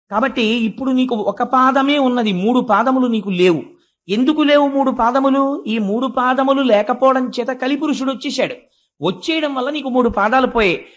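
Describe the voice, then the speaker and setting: High-voiced man giving a devotional discourse. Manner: storytelling, reciting verses slowly and drawn out; emphatic, asks the audience questions. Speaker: religious discourse speaker.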